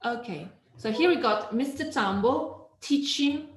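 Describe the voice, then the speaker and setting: A woman teacher trainer giving an online teaching webinar, lively and demonstrative, sometimes singing or humming examples. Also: fairly high pitch, a little slow, roomy sound, a little hiss or hum, rough recording.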